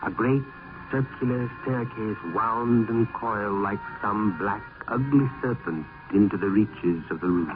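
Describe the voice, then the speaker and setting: A man playing a weary, foreboding gentleman poet in a gothic radio drama, with formal, literary speech. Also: on the low side, unhurried, natural voice. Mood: brooding, uneasy. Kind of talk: old-time gothic radio drama acting. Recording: muffled vintage radio recording, loud music.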